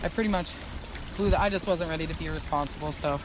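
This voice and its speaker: A woman's voice: sits low, fast. A woman in her twenties from Alaska, chatting and pointing out wildlife as a boat tour guide, laughing easily. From Ketchikan, Alaska. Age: 20s. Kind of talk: guided tour commentary and casual chat. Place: outdoors on a boat on the water. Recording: boat and water noise.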